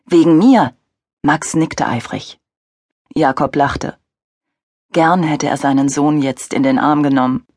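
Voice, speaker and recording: Woman, audiobook narrator, measured storytelling, husky voice, dry studio sound. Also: a bass voice, steady tone, darkish tone, no room sound. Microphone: studio microphone.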